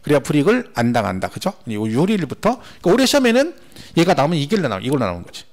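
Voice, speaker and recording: Male instructor lecturing an exam-prep class, brisk and lively, voice a bit higher than most men. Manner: animated, repetitive, rhetorical questions to class. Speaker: tax law instructor.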